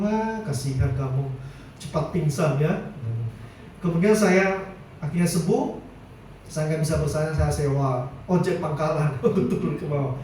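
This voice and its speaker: A man's voice: high-pitched, a little hiss or hum. A middle-aged man preaching a sermon in a church, telling stories casually and dropping in a chatty "ya". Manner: casual storytelling with frequent "ya". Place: church hall. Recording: very echoey hall, mic far off.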